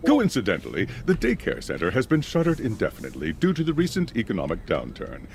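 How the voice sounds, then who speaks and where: An actor playing a glib, upbeat corporate welcome announcer reading scripted narration for a game. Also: male voice, lowish voice, huge pitch swings, fast, vocal fry, a little mellow, slight background noise, exaggerated voice.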